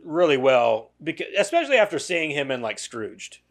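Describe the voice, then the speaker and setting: A man co-hosting a movie podcast, chatting casually in a relaxed, hedging way with some swearing. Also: fairly high pitch, normal speed. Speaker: podcast co-host.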